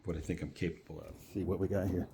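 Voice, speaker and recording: A man's voice: low-pitched, little pitch movement, fast, vocal fry, mellow, slight background noise. A man talking casually in a personal vlog, telling anecdotes and thinking aloud with some hesitation. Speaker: vlogger, first-time ice bath participant.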